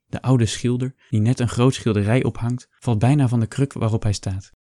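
A man reading a first-person story aloud in a calm, measured storytelling manner. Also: mid-range voice, no echo, clean studio sound. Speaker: audiobook narrator. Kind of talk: scripted first-person narration.

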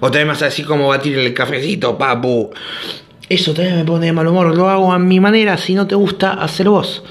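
In an echoey room, a man hosts a casual monologue podcast, wandering from topic to topic with sarcastic, joking remarks. He has an Argentine Rioplatense Spanish accent and a fairly high voice with fairly even intonation, talking a little fast.

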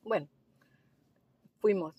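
A woman recounts a story from her work as a driving instructor in a relaxed interview. She talks with lively animation and slides English phrases into her Spanish. The sound is close and dry. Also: slow, dry recording, highs cut off.

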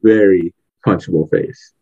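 A man co-hosting a podcast, chatting casually about a movie and retelling scenes in an animated, excitable way. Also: low-pitched, a little slow, phone-quality sound. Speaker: podcast co-host. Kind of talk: casual movie review chat.

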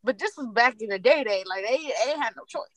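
A woman's voice: on the high side, expressive, a little fast, crowd noise. A woman telling stories in casual podcast chat, laughing often. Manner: chatty storyteller, laughs often.

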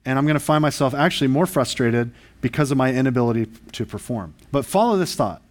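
A man's voice: medium pitch, expressive, quick pace. A male pastor preaching a sermon, earnest and emphatic, asking the congregation rhetorical questions.

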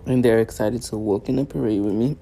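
Gravelly low-voiced man telling his story. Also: fairly quick, warm tone, faint music behind. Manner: earnest, frequent throat clearing and fillers. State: tired, yawning. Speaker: podcast host. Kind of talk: casual personal storytelling.

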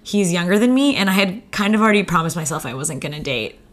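A woman's voice: on the low side, very animated, quick pace, crowd noise. A young woman from California, a podcast guest, chatting in a playful, teasing way. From California, USA. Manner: playful, teasing, laughs often. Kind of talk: casual chat.

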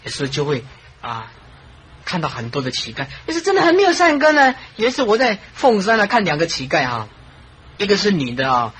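A Buddhist monastic teacher giving a dharma talk, telling stories in an animated way, with frequent chuckles and repeated phrases. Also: mid-range voice, brisk, a little hiss or hum, rough recording.

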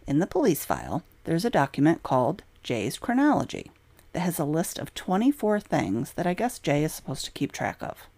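Low-pitched woman narrator, emphatic scripted delivery, dry close sound. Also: a little mellow, no room sound. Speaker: true crime narrator.

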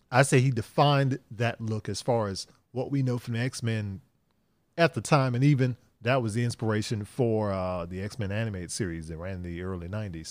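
A man's voice: on the low side, no echo. A man co-hosting a comics podcast who talks in a loose, rambling way with many fillers. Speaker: podcast co-host. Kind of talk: casual chat.

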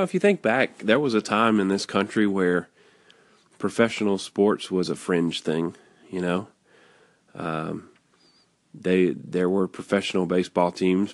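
A man hosting a casual podcast, talking in a nasal, raspy voice, rambling with fillers and restarts. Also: low-pitched, no room sound. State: hoarse. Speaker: podcast host. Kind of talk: casual solo talk.

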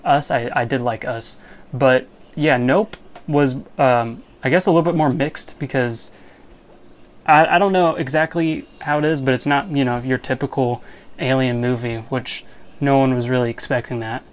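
A man's voice: medium pitch, fairly even intonation, moderate pace. A young man chatting casually as a podcast co-host, eager and often trailing off mid-thought. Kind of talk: casual chat.

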